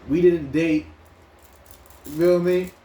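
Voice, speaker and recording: A man's voice: fairly high pitch, steady tone, slow pace, warm tone. A man from New York co-hosting a mukbang, telling stories in loose slang with many restarts. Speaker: mukbang co-host. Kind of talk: casual chat while eating. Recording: echoey room with faint ambient noise.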